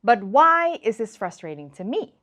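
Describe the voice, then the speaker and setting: A woman from Thailand with a Thai accent, a cooking channel host explaining things casually to camera with exasperated asides. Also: normal speed. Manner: animated, exasperated asides, rising pitch for quoted viewers.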